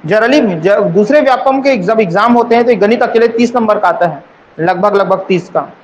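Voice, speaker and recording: Man, coaching teacher, very high voice, repeats points, rhetorical questions. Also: normal speed, highs cut off. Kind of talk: exam coaching class.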